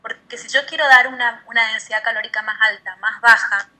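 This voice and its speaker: A woman's voice: on the high side, steady tone, a little fast, pushed and bright, rough recording. A woman teaching a nutrition class online, explaining in a methodical way and repeating key terms.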